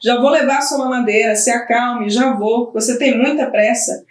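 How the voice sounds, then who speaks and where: A woman's voice: a little high, normal speed, lightly acted. A woman voicing a worn-out new mother pleading with her baby, weary and close to tears. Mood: tender, pleading. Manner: weary, pleading, breaking into tearful cries. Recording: roomy, from the mic at a distance.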